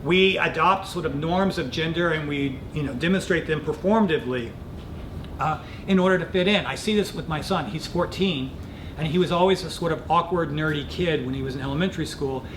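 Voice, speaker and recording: A middle-aged professor delivers an explanatory lecture, his voice fairly high and his pace a little quick. He phrases things thoughtfully in a loose academic style. The room echoes heavily, and a distinct low rumble sits underneath him.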